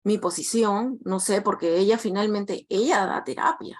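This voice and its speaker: A woman's voice: mid-range voice, normal speed. A woman student recounting a personal anecdote in class, hesitant, with many restarts and tag questions.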